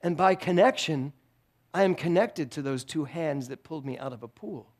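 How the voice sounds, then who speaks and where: A man's voice: on the high side, normal speed. A middle-aged man giving a conversational sermon at a spiritual center, telling stories with self-deprecating humor and frequent laughter. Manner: animated storytelling with frequent laughter. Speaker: guest speaker at a spiritual center.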